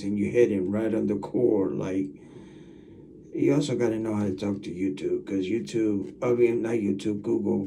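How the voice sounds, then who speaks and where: A man's voice: fairly low pitch, creaky, mellow, distant mic, slight background noise. A man talking casually to his viewers as a channel host, rambling and repeating himself as he talks straight at the camera. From United States. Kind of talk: casual vlog monologue.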